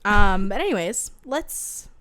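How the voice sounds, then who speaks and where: A woman's voice: medium pitch, expressive, takes it slowly, fairly bright tone. A young woman co-hosting a casual book podcast, chatting in a bubbly, giggly sorority-girl manner. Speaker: podcast co-host.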